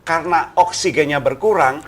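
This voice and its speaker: A man's voice: a little high, moderate pace, a little hiss or hum. A man co-presenting an infomercial talk show, explaining step by step and often repeating himself.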